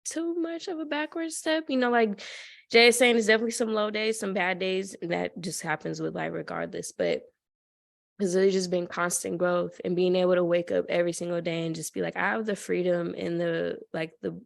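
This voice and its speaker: A woman's voice: fairly low pitch, steady tone, a little fast, vocal fry. A woman in her twenties, a student co-hosting a podcast, talking in a reflective, grateful way with lots of "like". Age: 20s. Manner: reflective, grateful, with many fillers. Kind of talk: casual chat.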